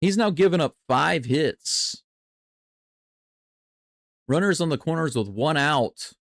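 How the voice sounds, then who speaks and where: A man doing live baseball play-by-play and reaction in a chatty, excitable way. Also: a little high, slow, creaky, dry recording, studio quality. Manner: excitable, chatty, jumps from calm to loud cheering. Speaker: play-by-play streamer.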